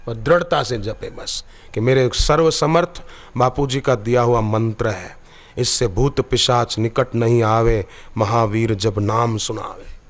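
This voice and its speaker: A man preaching a devotional sermon, telling stories with animation and putting questions to his listeners. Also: mid-range voice. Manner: animated storytelling, questioning the audience.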